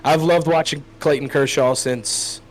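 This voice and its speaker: A man's voice: a little high, steady tone, a little slow, a little hiss or hum, low-quality recording. A man appearing as a guest on a casual podcast, joking and rambling loosely. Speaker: guest streamer.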